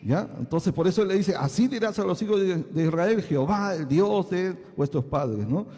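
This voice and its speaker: A male pastor delivers a teaching sermon in a fairly high, mellow voice. He keeps asking his listeners whether they follow. The sound carries a long reverb from the hall. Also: lively intonation, normal speed. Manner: asks the congregation many checking questions.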